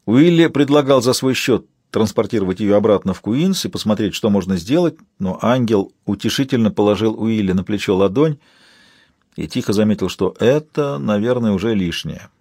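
A man narrating an audiobook in a steady, wry storytelling manner. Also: on the low side, normal speed, breathy edge, no echo, studio quality.

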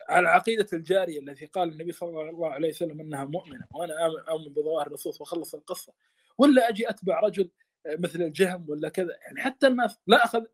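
A man teaching a study lesson on a classical text, speaking with passion and often stammering and repeating words. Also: high voice.

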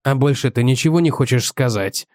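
A man's voice: mid-range voice, fairly quick, darkish tone, dry recording, clean studio sound, natural voice. A man voicing a jealous, bitter husband who accuses his wife with sarcasm, in an audiobook reading.

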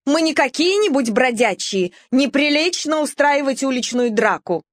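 A refined, fussy dachshund lady who coos and scolds with genteel airs, as a woman puts her on. Her voice is set high and prim. The recording is close and dry. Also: expressive, normal speed, no room sound. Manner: sugary, genteel, then yelping. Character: long elegant prim female dachshund.

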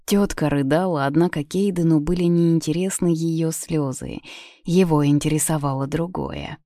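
A woman reads a novel aloud with even, measured storytelling. Her voice is low, and the recording is dry and close with no room sound. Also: no echo. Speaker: audiobook narrator. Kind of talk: scripted narration.

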